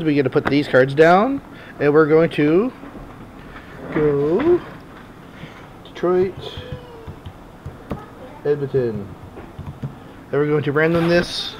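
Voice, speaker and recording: A man who hosts sports card box breaks speaks in a fairly high voice with a darkish tone. Working in a small home office packed with cards, he keeps up an improvised, casual commentary, muttering to himself as he goes. The camera sits on the desk and the room is noisy.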